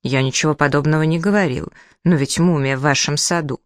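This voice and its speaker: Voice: mid-range voice, fairly quick, no echo, clean studio sound, lightly acted. A reader voicing an agitated elderly male Egyptologist who is obsessed with his mummy. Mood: accusing. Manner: excited, accusing, dwells on his mummy.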